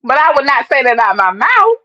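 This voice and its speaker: This livestream host, a woman and sports fan, chats casually and emphatically to her viewers in a high, very animated voice that runs a little fast, pushed and bright. There's no room sound, though the stream audio is dull and lo-fi.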